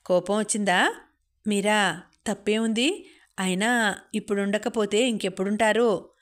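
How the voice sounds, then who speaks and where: A woman's voice: medium pitch, measured pace, natural voice. A woman reading as Jyothi, a teasing young woman. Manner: playful, chatty.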